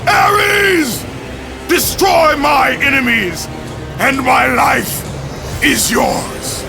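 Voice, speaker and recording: An actor playing a fierce, desperate Spartan warrior in a video game cutscene, his voice gravelly and raised to a shout. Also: extremely high pitch, extremely slow, full character voice. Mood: desperate cry. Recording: music score behind.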